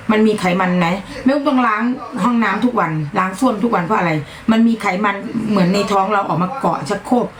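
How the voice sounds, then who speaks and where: A middle-aged woman from Northeast Thailand with an Isan accent, chatting bluntly through a live-stream sales pitch and scolding noise around her. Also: reverberant. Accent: Isan Thai. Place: upper floor of a home.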